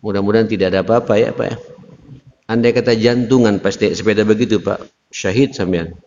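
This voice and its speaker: A man's voice: lowish voice, brisk, a little mellow. A man preaching a sermon to a gathering, often addressing listeners as "sir" and rising into emphatic bursts on key phrases. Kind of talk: sermon at a religious study gathering. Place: hall at a religious gathering. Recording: reverberant hall, dull lo-fi sound, faint noise.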